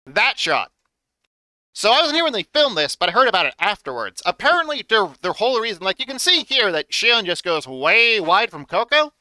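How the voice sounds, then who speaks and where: A man streaming casual reaction commentary in an animated, exclamatory and emphatic way. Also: sits high, fairly quick, no echo.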